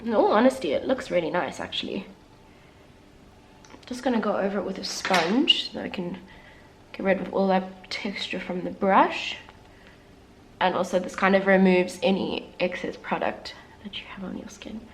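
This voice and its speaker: At a moderate pace and in a medium-pitched voice, a young woman talks through a makeup tutorial for her beauty channel, with slight background noise. Chatty and candid, she makes self-deprecating asides and sounds a little congested while getting over the flu.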